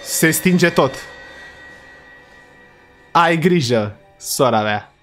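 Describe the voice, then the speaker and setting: A young man hosting a reaction video, talking casually in slang and yelling in panic at jump scares. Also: fairly high pitch, lively intonation, loud music behind the voice.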